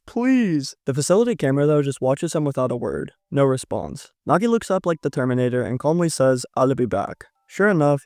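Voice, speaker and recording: A man's voice: mid-range voice, a little mellow, no room sound, studio quality. A young man reading a scripted manga chapter recap in a casual, slangy way with joking asides.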